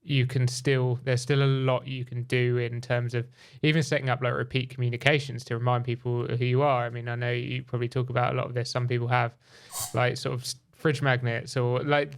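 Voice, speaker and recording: Smooth, even-toned male interviewer. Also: mid-range voice, moderate pace. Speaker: podcast host. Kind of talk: casual interview talk.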